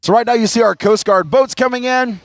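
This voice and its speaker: A male American airshow commentator with a notably high-pitched voice, recorded dry and close. He announces to the crowd like a showman, stretching out key phrases for emphasis. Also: a little fast, dry recording.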